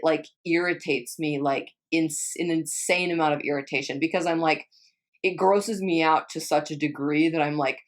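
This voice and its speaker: A young woman from Texas chatting casually as a vlogger, rambling and swearing a lot, trailing off and restarting often. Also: deep voice. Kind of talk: casual chat answering viewer questions.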